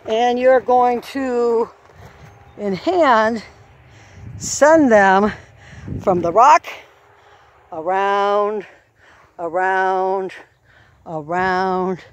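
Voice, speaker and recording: A woman's voice: medium pitch, lo-fi sound, a little hiss or hum. A woman walking an outdoor farm trail course, calling out steps and the trot rhythm as she explains each obstacle. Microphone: handheld camera while walking. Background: faint outdoor farm ambience.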